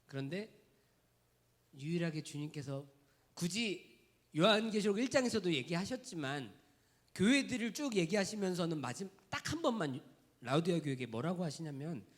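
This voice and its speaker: A male pastor preaching a sermon in a direct, conversational way, dropping to hushed near-whispers and building to loud, rising emphatic lists. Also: fairly high pitch, sing-song, normal speed. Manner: speaks to the congregation in a direct, conversational tone.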